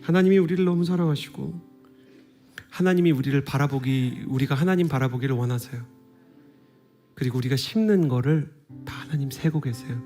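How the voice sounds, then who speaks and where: Man preaching in church, mid-pitched, mellow, earnest, soft asides, faint music underneath. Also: a little fast. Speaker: guest pastor. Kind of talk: revival sermon. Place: church sanctuary.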